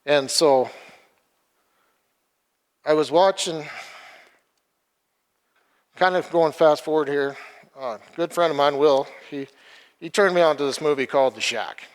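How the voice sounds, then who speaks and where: A man giving an informal sermon, halting and repeating words as he retells a story. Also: on the high side. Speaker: preacher. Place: church hall. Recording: long hall reverb.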